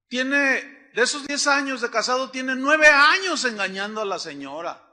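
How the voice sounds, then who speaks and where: A man preaching a sermon with animation, acting out short scenes and swinging from loud emphasis to hushed asides. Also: very high voice. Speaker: pastor.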